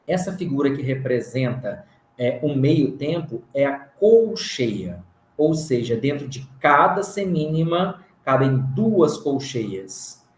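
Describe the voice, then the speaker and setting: A Brazilian man teaching a recorded music theory lesson, explaining slowly and patiently and counting beats aloud. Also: medium pitch, very animated. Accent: Brazilian Portuguese. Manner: counts beats aloud and chants rhythm syllables. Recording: roomy recording.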